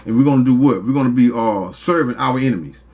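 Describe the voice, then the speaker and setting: A man's voice: medium pitch, quick pace, a little mellow. A man preaching scripture in a drawling, scornful way. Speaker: street preacher. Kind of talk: street preaching.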